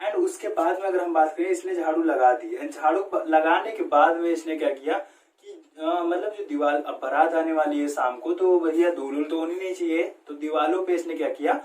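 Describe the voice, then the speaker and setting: A man's voice: fairly high pitch, a little mellow. A man teaches English vocabulary through a story, often quizzing his listeners and acting out the characters' lines. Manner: quizzes listeners with repeated questions; acts out the story's people in quoted voices. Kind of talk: storytelling lesson. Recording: echoey room, mic at a distance.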